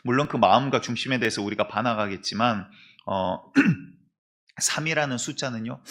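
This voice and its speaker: A man's voice: mid-range voice, bright, forceful tone. A man, a senior pastor, preaching a sermon and acting out the voices of biblical figures as he tells the stories. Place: church sanctuary.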